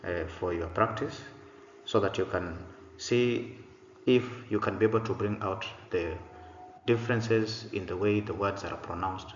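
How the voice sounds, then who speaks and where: A lower-pitched man presents a pronunciation lesson in a deliberate, repetitive teaching manner, pausing on "uh" as he goes. His voice rings with long reverb in a roomy space. The sound is dull and lo-fi. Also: a little hiss or hum. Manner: deliberate, repeats example sentences, frequent "uh" fillers.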